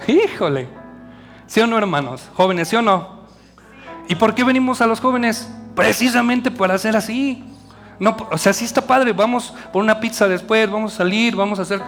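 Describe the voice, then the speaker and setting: A middle-aged man preaching a sermon to a church youth service in a Mexican Spanish accent, talking in a conversational, animated way with asides to the young people. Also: sits high.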